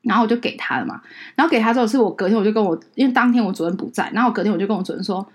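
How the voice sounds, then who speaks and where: A woman's voice: mid-range voice, very fast. A woman with a Taiwanese Mandarin accent, hosting a podcast as a casual chat and telling an indignant story with acted-out quotes. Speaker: podcast host.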